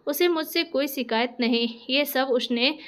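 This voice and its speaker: A woman's voice: sits high, a little slow, fairly bright tone. A woman reading the lines of a young husband who stands firm for his wife. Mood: earnest. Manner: earnest. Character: young husband, earnest and defiant.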